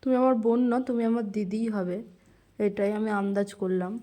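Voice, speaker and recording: Mellow-voiced woman chatting in a vlog voice-over. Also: medium pitch, a little fast, slight background noise. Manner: confiding, talks straight to viewers as friends. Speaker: vlogger. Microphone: voice-over recorded separately from the footage.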